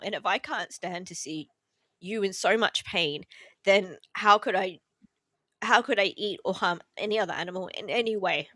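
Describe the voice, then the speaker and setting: An Australian woman with a medium-pitched, sharp-toned voice speaks as a podcast guest indoors at a relative's house, with no echo. She's tearful yet chatty in this casual interview, using lots of fillers and laughing through her emotion.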